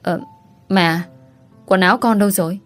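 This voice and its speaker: A woman's voice: mid-range voice, moderate pace, soft background music, lightly acted. A woman voicing a dazed young married woman asking confused questions. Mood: bewildered.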